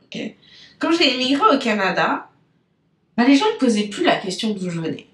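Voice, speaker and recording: A French woman with a French accent, a business coach, hosts her podcast as a loose, unscripted monologue, talking straight to her listeners. She rambles chattily, loses her thread, digresses and uses lots of fillers. Her voice is a little high, sing-song and fairly bright, at a moderate pace, in an echoey room.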